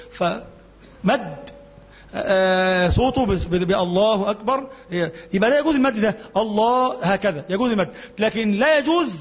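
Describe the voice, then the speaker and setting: A male Egyptian sheikh with a high, quick voice teaches a religious lesson in a mosque classroom, speaking colloquial Egyptian Arabic in a conversational tone. He asks the class questions, answers them, and demonstrates chanting, all on a dull lo-fi recording with long, lingering reverb.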